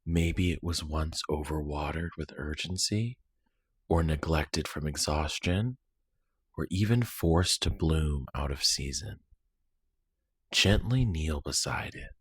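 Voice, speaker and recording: Speaking in short phrases separated by long silences, a man with an exceptionally deep, husky voice guides listeners through meditation in a calm, measured manner. The sound is close and dry, with no echo or room sound.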